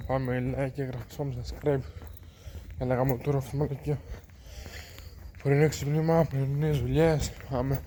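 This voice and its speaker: A man's voice: mid-range voice, warm tone. A man vlogging on a cold early morning outdoors, frustrated and swearing, keeping his voice down so he does not wake the neighbours. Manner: frustrated, swearing, muttering to himself; keeps his voice down. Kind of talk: casual vlog monologue. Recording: noisy outdoor ambience with dogs and traffic.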